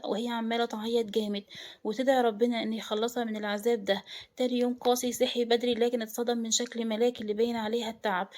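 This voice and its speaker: An Egyptian woman narrates a romantic drama as a storyteller, brisk and dramatic. She races through the text at a fast clip. Her voice sits a little high. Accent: Egyptian Arabic.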